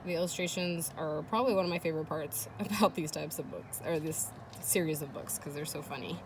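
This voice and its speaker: Her voice is low and fairly quick as this woman teacher reads a children's chapter book aloud. She breaks in with casual, encouraging asides and questions for her listeners. The recording is noisy, with kids playing close by.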